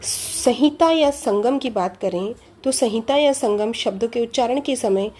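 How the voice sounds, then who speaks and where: A woman's voice: fairly high pitch, unhurried, warm tone. A woman teaching a lecture on language, explaining step by step, repeating key terms and asking rhetorical questions. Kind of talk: lecture on Hindi phonology.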